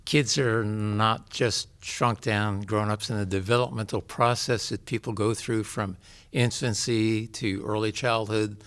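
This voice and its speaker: A man in his seventies from New York, a pediatrician and professor, answering interview questions in a measured, explanatory way. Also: fairly low pitch, steady tone, fairly bright tone. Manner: measured, explanatory, listing facts.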